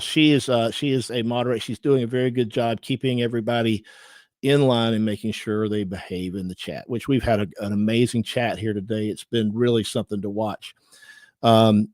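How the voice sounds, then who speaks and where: A man's voice: mid-range voice, a little mellow, no room sound, studio quality. A middle-aged man with a Southern Georgia accent hosts a casual livestream, chatting with viewers, thanking them and using many fillers. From Georgia, USA. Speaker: livestream host and lawyer.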